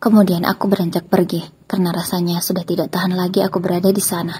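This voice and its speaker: A woman narrating a first-person story in a steady, plain reading voice. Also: lowish voice, fast talker, a little hiss or hum.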